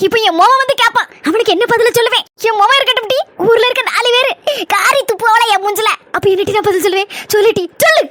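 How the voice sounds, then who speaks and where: A woman with an acting a loud, dramatic, scolding village woman in a comedy skit. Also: very high-pitched, fast, background noise. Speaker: comedy sketch performer playing several village women.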